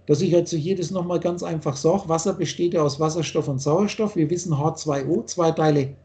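An older man from Austria speaks a little fast on a video call, his voice high in pitch but dark and mellow. In the manner of a spiritual teacher he rambles insistently, often abandoning sentences and starting over.

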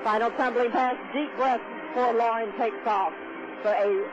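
A man giving technical, measured move-by-move color analysis of a gymnastics meet on live radio. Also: very high voice, steady tone, music in the background. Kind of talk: live radio sports commentary. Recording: dull noisy radio broadcast.

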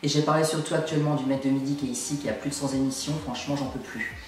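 Speaking very fast in a steady, mid-range voice, this young adult vlogger delivers an emphatic, fed-up opinion rant to camera, grumbling as he goes. He's in a small indoor room at home. The camera picks him up from a short distance, leaving the sound distant and heavily echoey.

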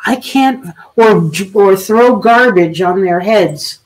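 Slow, halting woman host on a video call. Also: mid-range voice, a crowd in the background, rough recording. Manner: thoughtful, halting, frequent restarts. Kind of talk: casual political discussion.

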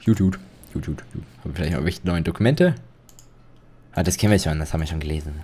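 A man's voice: rumbling low, racing, a little mellow, husky. A young man commentating a horror game, jittery and rambling, joking and yelping when startled. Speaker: let's play commentator.

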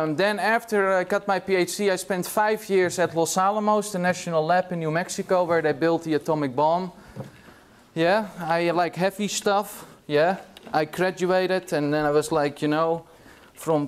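A middle-aged Dutch man with a Dutch accent gives a casual lecture to a large university hall, his voice high and clean. He's chatty and keeps checking in with "yeah?" as he goes through the class.

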